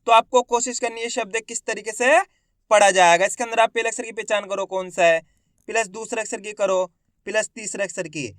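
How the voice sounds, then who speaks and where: A man's voice: high voice, fairly even intonation, brisk, fairly bright tone, no echo, studio quality. A man teaching reading: he sounds out each syllable, then blends them into whole words, and encourages viewers as friends. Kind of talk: slow spelled-out reading lesson.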